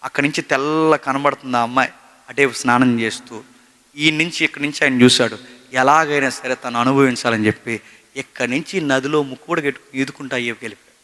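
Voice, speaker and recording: A man's voice: medium pitch, quick pace. Fervent male preacher in a hall. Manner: emphatic preaching with rhetorical questions, swinging from loud to hushed. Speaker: pastor. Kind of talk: sermon.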